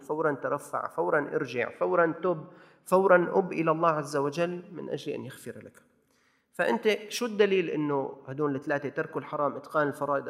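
A man's voice: high voice, gravelly, fairly bright tone, big-room sound. A man with a Levantine Arabic accent preaching a sermon in a mosque, exhorting and repeating phrases for emphasis.

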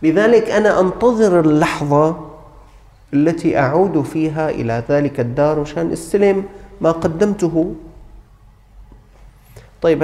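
A man's voice: a little high, gravelly, warm tone. A man preaching a sermon, speaking earnestly to the congregation as his brothers and telling stories to make his point. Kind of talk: sermon with storytelling. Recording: long hall reverb.

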